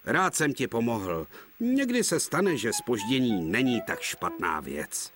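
A man's voice: medium pitch, big pitch swings, fairly bright tone, soft background music. A man voicing a cheerful, helpful little male tank engine in a dubbed cartoon, in a friendly, kind manner. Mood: kindly. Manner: friendly, kindly.

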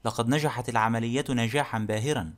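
A man voicing a polite, fastidious male detective who speaks calmly and courteously in an audiobook. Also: mid-range voice, pitched below the performer's own voice, natural voice. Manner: calm, courteous and measured. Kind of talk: audiobook character reading.

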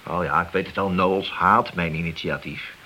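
An actor with a deep, sharp voice plays a glory-hungry, ambitious policeman in radio play dialogue, speaking at a normal speed with fairly even intonation. He is insistent and persuasive, coaxing and boastful, heard on an old radio recording with hiss.

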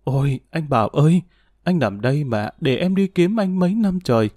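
A man's voice: mid-range voice, animated, quick pace, darkish tone, no echo, studio quality, close to an everyday voice. A man voicing a grieving middle-aged woman, tearful and pleading. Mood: sobbing.

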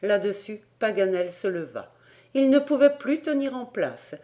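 A woman narrating an audiobook in a steady storytelling manner. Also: medium pitch, moderate pace. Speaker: audiobook reader.

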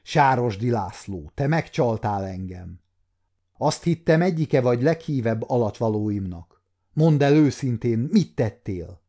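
A dignified medieval king who speaks sternly and with authority, voiced by a male audiobook reader. The voice is dark and mellow. He weighs each word. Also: medium pitch, expressive, lightly acted. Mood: commanding. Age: 50s. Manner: commanding, measured.

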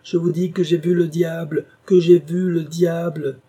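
A man's voice: medium pitch, moderate pace, husky, lightly acted. A man voicing a tormented old gambler who believes he sold his soul, speaking with impassioned, feverish intensity in an audiobook reading. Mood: raging. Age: older. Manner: impassioned, swings from grave confession to raging shouts.

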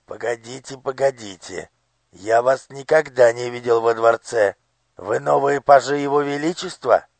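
A man voicing a fussy, forgetful old male palace ceremony master with a quavering voice that turns shrill when he gets angry. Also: normal speed, creaky, dry recording, natural voice. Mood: blustering. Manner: querulous, blustering, shouting orders. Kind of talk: audiobook character voice.

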